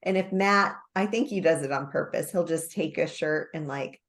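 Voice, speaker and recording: A woman guest on a podcast, telling stories in a giggly, animated way. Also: low-pitched, moderate pace. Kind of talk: casual podcast chat.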